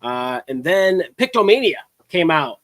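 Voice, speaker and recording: An easygoing man, a podcast guest, explains a game in casual chat with many fillers. His fairly high voice sounds close and dry, with no room echo. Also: very animated, a little slow, fairly bright tone.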